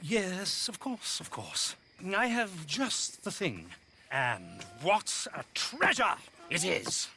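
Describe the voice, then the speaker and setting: A man's voice: sits high, big pitch swings, slow, gravelly, sharp tone, slight background noise, full character voice. An actor playing a pompous, flamboyant British circus showman and swindler in a video game, speaking in grand theatrical flourishes. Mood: grandiose, wheedling. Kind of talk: video game character acting.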